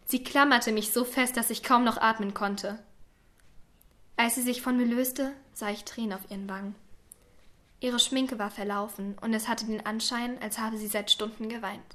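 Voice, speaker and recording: A woman reading a first-person story aloud in a quiet, subdued way, sometimes dropping to a whisper. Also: on the high side, steady tone, normal speed. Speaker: narrator.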